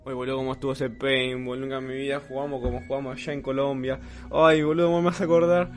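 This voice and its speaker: A young man with an Argentine accent hosting a comedy podcast sketch, excitable and full of slang. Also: medium pitch, fast talker. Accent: Argentine Spanish. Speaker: podcast host.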